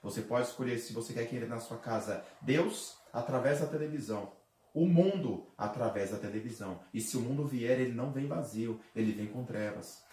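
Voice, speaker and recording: A man's voice: mid-range voice, a little fast, warm tone. A man, a pastor, giving an emotional testimony of faith, dramatic and re-enacting his own cries and heartbeat. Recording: roomy sound from a distant mic.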